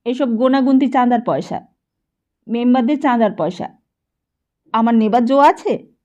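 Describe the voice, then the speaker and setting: A woman's voice: fairly high pitch, moderate pace, darkish tone, highs cut off, lightly acted. A woman voicing an irritable young man who answers his mother with curt, angry retorts. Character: irritable young man, short-tempered son.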